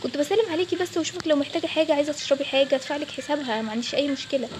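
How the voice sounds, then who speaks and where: A woman's voice: sits high, steady tone, rapid-fire, slight background noise, close to an everyday voice. A woman with an Egyptian Arabic accent voicing a nosy, persistent young man who keeps pestering a coworker, in a toy role-play story. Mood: pushy. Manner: pleading, persistent. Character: nosy pushy young man, manager's son.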